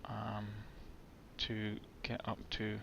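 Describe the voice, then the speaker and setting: Slow, chatty man at a flight sim. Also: fairly low pitch, completely flat delivery, vocal fry, sharp tone, slight background noise. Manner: chatty and unhurried, thinking aloud. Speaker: flight simulator streamer. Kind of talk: casual commentary while gaming.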